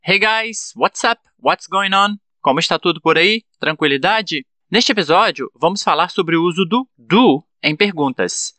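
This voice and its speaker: A man with a Brazilian Portuguese accent hosting an English-learning podcast, slowly drilling example sentences for students. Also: high-pitched, lively intonation, pushed and bright, no room sound. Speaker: podcast host and English teacher. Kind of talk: teaching English lesson.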